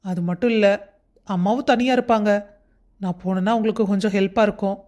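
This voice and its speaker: A woman voicing a caring young husband in a cartoon story who teases gently and reassures his wife. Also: mid-range voice, fast talker, lightly acted. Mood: reassuring. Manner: warmly teasing, reassuring. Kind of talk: Tamil cartoon voice acting.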